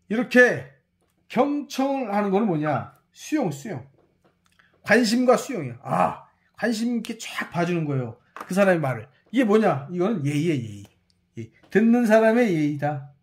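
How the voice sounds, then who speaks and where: A university professor giving a recorded lecture, repeating key words and checking understanding with quick rhetorical questions while writing on screen. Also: medium pitch, a little mellow.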